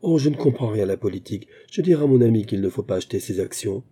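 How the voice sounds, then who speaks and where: Sly chirpy actress, coaxing, calculating, read by a man, mellow dark voice. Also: on the low side, animated, fast talker, breathy edge.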